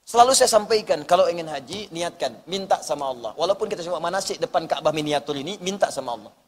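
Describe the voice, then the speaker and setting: A man preaching a sermon, animated, with emphatic bursts and quiet storytelling passages. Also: on the high side, fast talker. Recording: long hall reverb.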